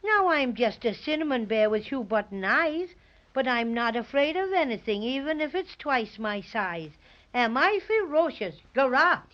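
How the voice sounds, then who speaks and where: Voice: medium pitch, very animated, normal speed, a bit bright. A performer voicing a cheerful, boastful little stuffed bear in an old radio drama. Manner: chirpy and boastful. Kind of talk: 1930s radio drama acting. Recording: dull old radio recording.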